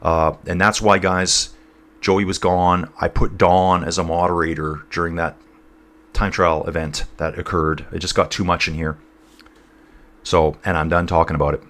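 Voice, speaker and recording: Low-voiced man chatting through a cycling livestream. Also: little pitch movement, moderate pace, fairly bright tone. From North East England. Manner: rambling, chatty, addresses viewers as dude and guys. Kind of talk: casual live commentary and chat reading.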